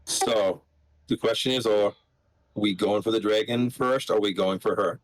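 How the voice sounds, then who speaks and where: Low-voiced male player. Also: moderate pace, rough recording. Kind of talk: casual game table chat.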